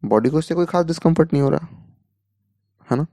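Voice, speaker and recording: Man giving a mellow, dry motivational talk. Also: a little high, fast talker, no echo. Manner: explains with rhetorical questions, Hindi mixed with English terms. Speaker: mentor to exam students.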